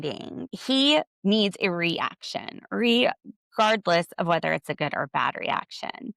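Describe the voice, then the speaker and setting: This podcast host is a woman with a fairly low, creaky, slightly bright voice, recorded in a clean studio with no echo. Her casual solo recap commentary is opinionated and sardonic, and she quotes other people conversationally.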